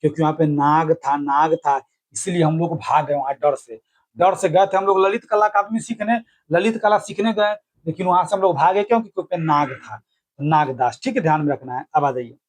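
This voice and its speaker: High-pitched guy teaching exam stuff, keeps repeating with goofy memory tricks. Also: fairly quick. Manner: repetitive, addresses viewers as friends, uses silly memory tricks. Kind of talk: casual spoken lesson.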